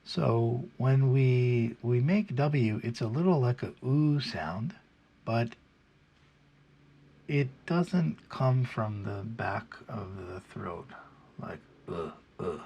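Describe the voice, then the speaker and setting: Man, standard American accent, slow delivery, husky gravelly voice, informal instructional style, patient and halting. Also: medium pitch, animated, highs cut off. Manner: halting, patient step-by-step explaining. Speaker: pronunciation teacher. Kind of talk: informal instructional video, demonstrating English sounds.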